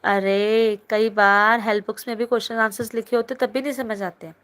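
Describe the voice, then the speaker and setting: A woman's voice: on the high side, level tone, normal speed, fairly bright tone. A young woman teacher holding a live online class from her phone, reading students' chat comments aloud and answering them in a chatty, teasing way.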